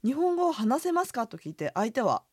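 A woman co-hosting a radio language lesson, demonstrating pronunciation and tones in a lively way. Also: sits high, fairly quick, slightly rough, no echo, studio quality.

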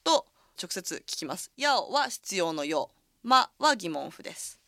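A woman's voice: lowish voice, sing-song, a little slow, bright, forceful tone, dry recording, studio quality. A woman teaching Chinese pronunciation on a radio lesson, explaining each phrase step by step.

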